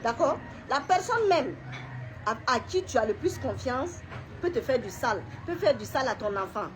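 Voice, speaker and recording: A middle-aged woman gives an emotional personal testimony to camera. She talks haltingly, often repeating words, pausing and clearing her throat. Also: high voice, sing-song, a little hiss or hum. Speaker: woman sharing a personal story.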